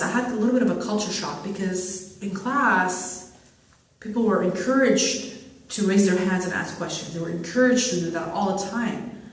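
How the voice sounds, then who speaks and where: A man from Syria telling his life story in an oral history interview. He speaks earnestly, with frequent fillers and restarts. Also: high voice. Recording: echoey room, mic far off.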